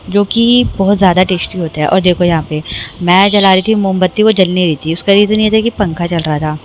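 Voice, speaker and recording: A woman's voice: medium pitch, slight background noise, rough recording. A young woman narrating her own family vlog in a casual, chatty voice-over, teasing herself as she tells the story. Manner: chatty, self-mocking, animated storytelling. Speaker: vlogger and mother.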